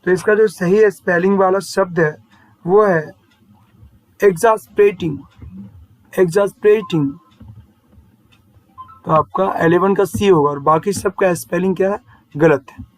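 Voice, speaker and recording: A male teacher walks through exam answers and keeps checking in with his listeners after each point. His voice sits high for a man, and he slows right down to read out the English phrases. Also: no room sound, rough recording. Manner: explains step by step, repeats "है ना?" to check in; reads English phrases out slowly.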